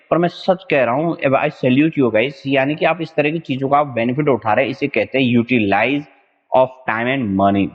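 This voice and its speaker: Chatty male teacher with a catchphrase. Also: medium pitch. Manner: casual, repeats "right na" often, jokey memory tricks. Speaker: exam vocabulary teacher. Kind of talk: online lesson with whiteboard. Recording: dull, echoey lo-fi classroom recording.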